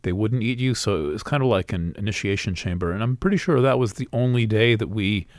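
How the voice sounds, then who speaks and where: A man's voice: lowish voice, brisk, dry recording, clean studio sound. A man giving a casual, rambling astrology reading, full of fillers and restarts, hiccuping now and then.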